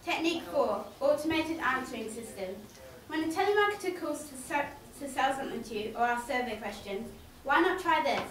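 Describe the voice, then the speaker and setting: A woman's voice: high-pitched, lively intonation, brisk, few pauses. A woman giving a humorous prepared speech to an audience, playfully acting out little scenes. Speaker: student speaker. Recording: echoey hall, mic far off, audience.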